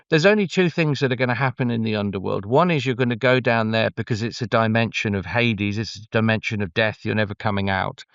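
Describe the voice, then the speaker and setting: Male oral storyteller, conversational commentary, expressive drawn-out emphasis, dry close sound, slightly dull audio. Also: mid-range voice, no room sound. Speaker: oral storyteller, interview guest.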